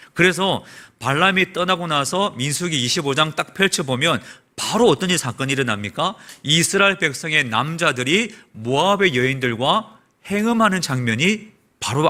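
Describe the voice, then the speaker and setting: A man preaching a Sunday sermon as a pastor in a church, asking the congregation rhetorical questions. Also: normal speed. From South Korea. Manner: preaching with rhetorical questions and lively swings in pitch and volume. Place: church sanctuary.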